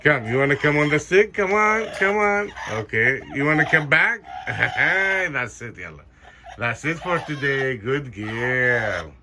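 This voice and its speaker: A man's voice: mid-range voice, animated, a little slow, noisy background. A man talking playfully to his pet birds in short, repeated, coaxing phrases. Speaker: pet bird owner.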